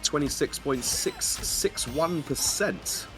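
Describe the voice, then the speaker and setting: A man's voice: fairly high pitch, lively intonation, takes it slowly, over music. A man giving color commentary on a fighting game match, wry and joking, full of technical analysis.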